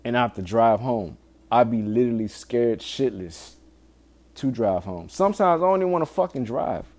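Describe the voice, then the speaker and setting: This podcast host has a low, dark, mellow voice with lively intonation and a moderate pace. Alone on the mic, he talks informally, swears freely, and urgently pleads with listeners to heed his warnings.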